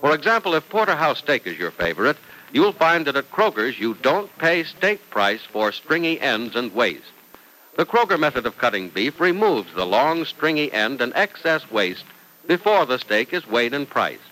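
A man's voice: mid-range voice, very animated, moderate pace, pushed and bright, poor audio. A man speaking as an old radio announcer, reading scripted narration and ads with emphatic, dramatic salesmanship. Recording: old radio broadcast recording.

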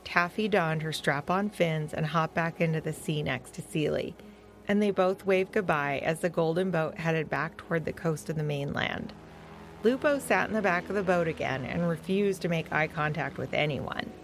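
A woman narrating a children's adventure story in a gentle, expressive reading style. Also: low-pitched, normal speed, slight background noise.

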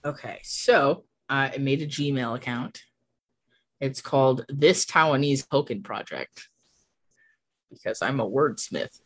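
This young podcast guest has a very deep, slightly rough voice and a measured pace. Her talk is casual and chatty, broken up by frequent laughter and fillers like "like."

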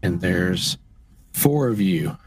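A man's voice: low-pitched, lively intonation, takes it slowly, breathy edge, dry recording. A man playing a tabletop game, asking questions and thinking aloud casually. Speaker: player. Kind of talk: casual tabletop role-play.

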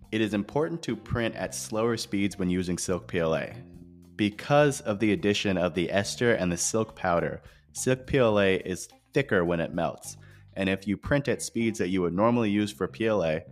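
A man hosting a podcast tutorial, explaining steadily, recorded in a bare new office with an audible room echo. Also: fairly low pitch. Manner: plain, steady explaining, apologetic asides. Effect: echo from a bare, empty room. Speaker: podcast host. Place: empty new office with no furniture. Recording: echoey bare room, faint music.

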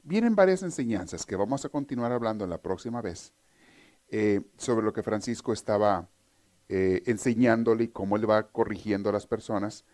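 A man's voice: lowish voice, moderate pace, a little mellow. A man preaching a sermon, earnest and teaching, speaking directly to his listeners.

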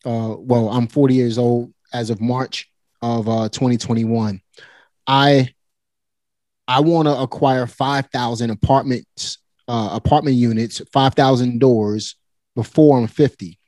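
A man in his forties speaks directly to his listeners in a relaxed, motivating, unhurried way, as in a casual conversation. His voice is at an ordinary middle pitch, captured dry and close with no room sound.

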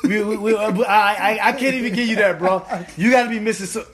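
A man with a high-pitched voice co-hosts a casual, slangy discussion. He is excitable and tends to repeat words in bursts as he talks. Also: fast talker, crowd noise. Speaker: podcast co-host. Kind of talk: casual chat.

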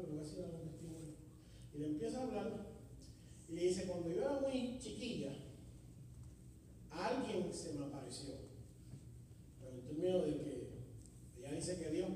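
A man preaching a sermon testimony in a church, swinging from loud exhortation to hushed storytelling. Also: sits high, slight background noise. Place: church sanctuary. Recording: echoey hall, distant mic.

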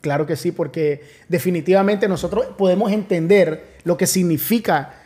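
A man's voice: high voice, normal speed, dark tone. A man in his forties, a pastor invited as guest, affirming often and recounting events at length in a casual interview.

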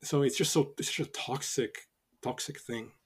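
A man's voice: mid-range voice, fairly even intonation, normal speed, breathy edge. A man in his thirties whose first language is not English, a podcast guest talking casually, with frequent fillers and restarts. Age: 30s.

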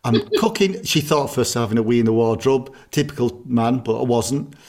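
A man's voice: medium pitch, animated, moderate pace, darkish tone. A middle-aged man, co-hosting a podcast and telling stories with frequent laughs. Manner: chatty storyteller, laughs often. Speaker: podcast co-host. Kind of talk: casual chat.

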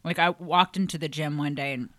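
A woman's voice: sits low, fairly even intonation, fairly quick, a bit bright, dry recording, clean studio sound. A woman comedian in casual podcast chat, telling brash, profane stories and acting out quotes. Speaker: comedian guest.

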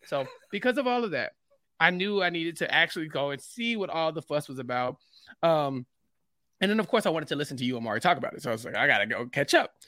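A man, a guest on a casual podcast, joking and animated as he tells his take. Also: fairly high pitch, fast talker, no room sound, clean studio sound. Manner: animated and joking, with dramatic quoted asides.

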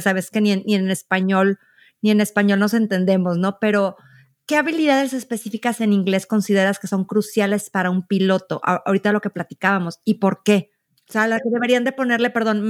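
A woman with a Mexican accent hosting a podcast, asking long, winding questions with restarts. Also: mid-range voice. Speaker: podcast host. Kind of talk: casual interview conversation.

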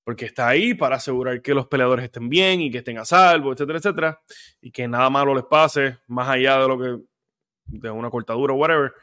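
A man's voice: medium pitch, fast, pushed and bright. A man hosting a sports podcast, talking casually and breaking into heated rants with plenty of fillers. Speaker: podcast host.

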